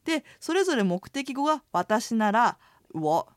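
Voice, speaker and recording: A woman co-hosting a radio language lesson, explaining words in a lively way. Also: fairly high pitch, a little slow, dry recording, clean studio sound.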